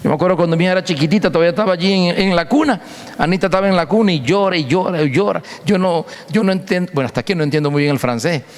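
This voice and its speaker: A male pastor preaches with an emphatic, storytelling delivery, hammering home his points through repetition. His voice sits fairly high for a man. The sound rings out with a long reverb, as in a church hall. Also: rapid-fire. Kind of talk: sermon.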